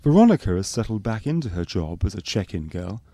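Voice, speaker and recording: This spoof documentary is narrated at a brisk clip by a man whose voice is low and mellow. His delivery has lively intonation yet stays earnest and scripted, much like a docu-soap narrator.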